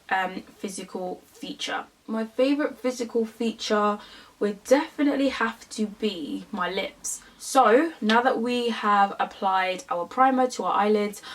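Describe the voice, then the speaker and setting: A London woman in her twenties, a beauty vlogger from England with a London accent, chats casually through a makeup tutorial, filling her talk with fillers. Her medium-pitched voice sounds far from the mic.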